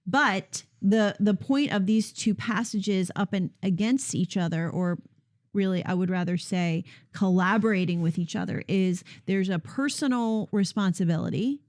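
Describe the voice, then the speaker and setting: A woman leads a Bible study discussion in a conversational, explanatory way. She pauses to rephrase her points as she goes, at an average pitch. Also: a little mellow. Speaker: host leading a Bible discussion.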